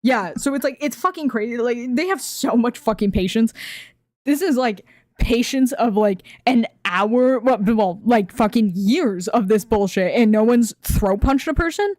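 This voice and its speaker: A woman streamer telling a workplace story to her chat in a casual, animated way, swearing freely. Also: on the high side, unhurried, dry recording, clean studio sound. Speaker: streamer reacting to videos.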